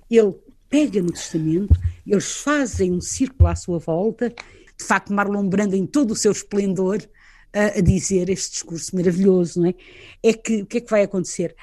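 Mellow-voiced Portuguese woman explaining. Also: mid-range voice, moderate pace. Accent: European Portuguese. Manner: animated, explanatory, tag questions. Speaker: guest. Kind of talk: conversational literary discussion.

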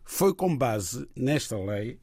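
A middle-aged man, a lawyer explaining the law on a radio program, speaking in a measured, deliberate way with frequent hesitations. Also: mid-range voice, sing-song, mellow, slightly rough, no echo. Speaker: lawyer guest.

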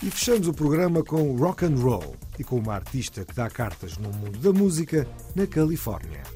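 A man's voice: mid-range voice, big pitch swings, normal speed, mellow, soft background music. A man presenting a news magazine program in scripted narration.

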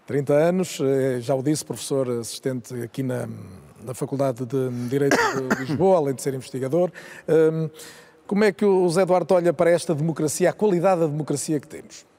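A man moderating a live debate, brisk and teasing as he introduces and steers the guests. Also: fairly high pitch, darkish tone.

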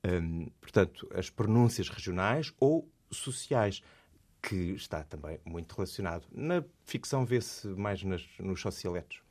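Lowish-voiced Portuguese man explaining. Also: lively intonation, measured pace, darkish tone. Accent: European Portuguese. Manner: explanatory, teacherly. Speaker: guest voice coach and singer. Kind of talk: radio interview.

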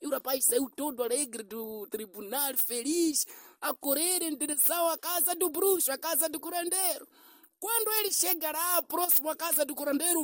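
A woman telling a comic story in a voice message, acting out the people in the tale. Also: high voice. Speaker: storyteller sending a comedy audio.

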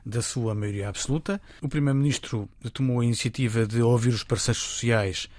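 A man with a European Portuguese accent giving calm, explanatory political commentary on the radio. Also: mid-range voice, brisk, no room sound.

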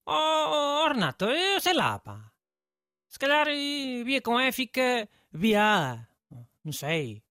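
A man's voice: very high voice, wildly swooping pitch, takes it slowly, pushed and bright, no room sound, studio quality, heavily acted. A man with a European Portuguese accent, playing a blunt know-it-all male host in comic scripted banter, offhand and teasing. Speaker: show host.

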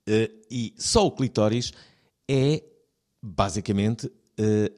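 A man's voice: fairly low pitch, takes it slowly, darkish tone. A man hosting an interview, speaking European Portuguese, hesitant with many fillers and a teasing manner. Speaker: interviewer host. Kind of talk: casual interview chat.

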